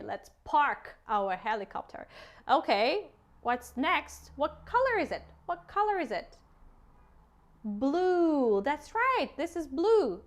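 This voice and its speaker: A woman with a high, very animated voice talks to a small child as a teacher. She goes very slowly, repeats short phrases and simple questions, and draws out key words. Her manner is encouraging and full of praise. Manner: exaggerated, drawn-out key words. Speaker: English teacher for young children. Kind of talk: interactive children's vocabulary lesson.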